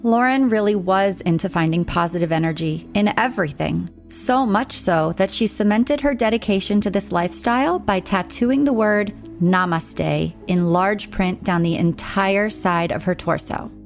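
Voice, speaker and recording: A woman host giving scripted true-crime podcast narration in a measured, storytelling way. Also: medium pitch, soft background music.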